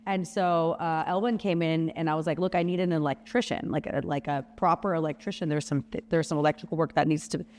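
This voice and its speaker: A woman podcast host telling stories in casual chat, lively, and acting out what people said. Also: low voice, fast talker, few pauses. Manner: animated storyteller, acts out quotes. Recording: long reverb with a faint hum.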